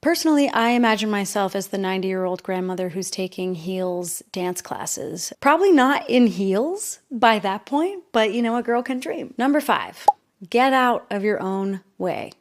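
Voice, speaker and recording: A woman's voice: mid-range voice, expressive, moderate pace. A young adult woman giving upbeat, encouraging advice in a playful, chatty vlog. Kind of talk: casual motivational vlog.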